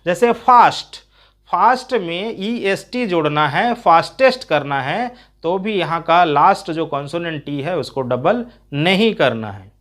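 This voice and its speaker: A man teaching an English spelling lesson, spelling words out letter by letter in a steady explaining tone. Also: a little high, unhurried. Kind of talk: spoken grammar lesson.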